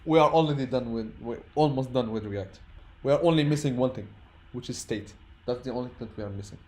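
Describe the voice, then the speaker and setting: In an informal programming lesson, a man for whom English is a third language walks through each step, repeats words and checks that people follow along. He talks fairly quickly in a mid-range, slightly mellow voice.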